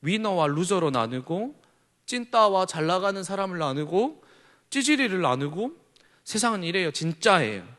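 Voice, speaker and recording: A high, bright male voice preaching to a youth group, swinging widely from near-whispered asides up to ringing, fervent calls. He speaks in a church sanctuary where a long reverb trails after every phrase. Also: moderate pace. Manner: animated, swings between hushed asides and loud shouted slogans. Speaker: youth pastor. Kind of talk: sermon to teenagers.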